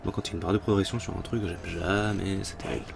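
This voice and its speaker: A man's voice: low-pitched, fairly even intonation, quick pace, vocal fry, noisy background. A man giving casual, rambling, jokey commentary as he plays through a video game. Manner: rambling, jokey, mild swearing. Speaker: gaming video host. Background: game music.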